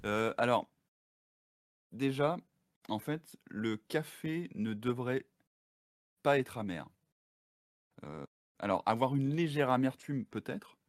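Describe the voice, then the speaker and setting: A man's voice: medium pitch, animated, slow, pauses often, no echo, studio quality. A man chatting casually as a guest on a live stream, laughing often and slipping English words into his speech.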